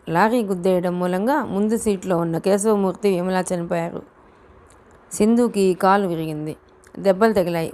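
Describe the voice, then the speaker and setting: A woman reading a novel aloud as an audiobook narrator, telling the story at a steady, even pace with small slips. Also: on the low side.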